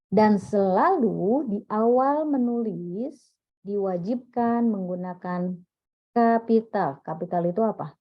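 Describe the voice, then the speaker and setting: A woman's voice: medium pitch, highs cut off. A woman teacher giving a classroom lecture, explaining step by step and quizzing her listeners with questions as she goes.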